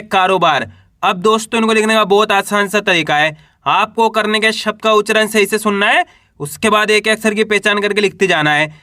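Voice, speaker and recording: A man teaching Hindi reading, who asks a question and then answers it himself, drawing out each syllable slowly as he sounds out the letters. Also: sits high, bright, forceful tone, dry recording, clean studio sound. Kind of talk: patient step-by-step spelling lesson.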